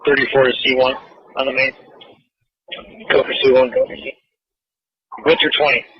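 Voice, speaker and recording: Husky policeman over a walkie-talkie. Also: medium pitch, little pitch movement, normal speed, no room sound. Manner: clipped, businesslike. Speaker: police officer at a scene. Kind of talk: terse police radio calls. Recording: archival lo-fi police radio.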